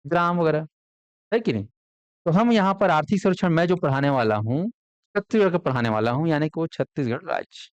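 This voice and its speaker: A man's voice: fairly high pitch, animated, fairly quick, smooth, no room sound, highs cut off. Man teaching a quiz-style class. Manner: quizzes students with frequent call-and-response questions. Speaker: exam coaching teacher. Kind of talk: classroom lecture.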